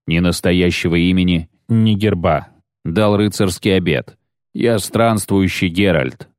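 A gruff, terse monster hunter, read by a male audiobook narrator, with a cold, grumbling delivery. His voice sits very low and sounds dry and close-miked. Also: a little slow, no echo. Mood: curt.

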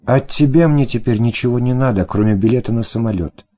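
A man's voice: medium pitch, a little fast, warm tone, natural voice. A man voicing a young woman heroine who speaks curtly and bitterly in an audiobook. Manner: curt, spoken through teeth.

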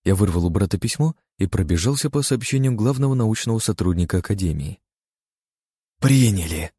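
Deep-voiced male audiobook narrator. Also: lively intonation, quick pace, warm tone, breathy edge, no echo, clean studio sound. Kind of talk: first-person fiction narration.

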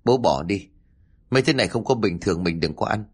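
A man voicing a frightened young wife in a spoken ghost story, speaking in a raised, hurried voice. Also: lowish voice, animated, slightly rough. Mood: fearful.

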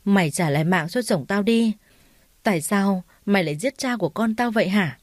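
A woman's voice: mid-range voice, expressive, a little fast, no room sound, studio quality, natural voice. A woman voicing a spiteful, grieving older mother-in-law who wails and screeches accusations. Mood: screeching.

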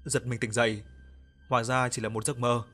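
A man narrating an audio ghost story in a calm, even reading voice. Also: mid-range voice, brisk. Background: soft background music.

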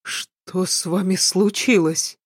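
A woman voicing a sly young male apprentice in an audiobook, speaking in a slow, measured, guarded way. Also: on the low side, fairly even intonation, husky, no echo, clean studio sound. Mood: wary.

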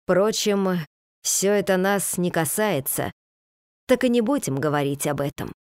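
A woman voicing a weary, gentle husband who speaks slowly in a low, subdued, halting way. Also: clean tone, dry recording, studio quality, close to an everyday voice. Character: weary, soft-spoken husband, gentle, slow.

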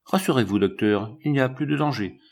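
A man doing a brisk, cool-headed giant. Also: mid-range voice, a little mellow, natural voice. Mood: calm. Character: huge strong calm man, a giant.

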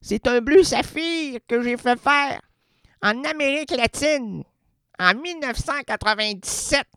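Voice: unhurried, clear, resonant tone, no room sound, clean studio sound. A radio columnist with a Québécois accent delivering an absurd comic monologue, rambling, stopping mid-word and playing with words. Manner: rambling, self-interrupting, playing with words and sounds; swings between high excited bursts and low murmurs.

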